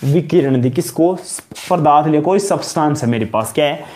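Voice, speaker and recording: Rajasthani-accented male lecturer, higher voice, drilling terms by repetition, classroom at the board. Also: moderate pace, a little mellow. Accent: Rajasthani-tinged Hindi. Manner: repetitive call-and-response questioning, calls students "beta". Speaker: college chemistry lecturer.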